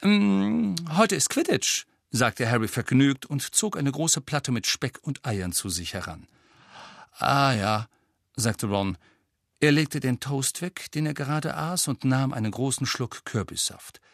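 A man reading a fantasy novel aloud as narrator, with steady storytelling. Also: mid-range voice, unhurried, no room sound, studio quality. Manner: steady storytelling, lively for dialogue. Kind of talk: audiobook reading.

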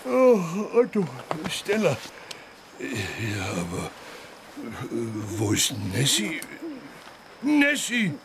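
A kind, slow-talking gravelly elephant. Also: male voice, mid-range voice, wildly swooping pitch, a crowd in the background, exaggerated voice. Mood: earnest. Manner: earnest, hesitant. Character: kind, naive, earnest male elephant. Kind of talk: children's audio drama.

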